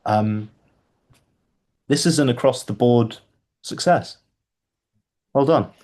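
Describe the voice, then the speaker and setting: A man hosting a book club call, thinking out loud, repeating words and restarting his sentences often. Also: medium pitch, slow. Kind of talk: casual group video call.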